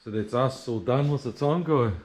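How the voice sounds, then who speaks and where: A man's voice: medium pitch, normal speed, a little mellow, a little hiss or hum. A man with a broad New Zealand accent giving a casual, slangy, sweary video diary in a laid-back way. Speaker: vlogger and drift car driver.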